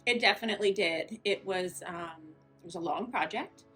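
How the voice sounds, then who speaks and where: A woman's voice: on the low side, normal speed, fairly bright tone, faint music behind. A woman giving casual, conversational answers as a homeowner in an interview.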